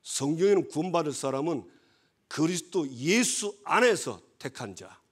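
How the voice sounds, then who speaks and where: A man's voice: a little high, animated, moderate pace, breathy edge. A male pastor gives a conversational sermon and often checks that the congregation agrees.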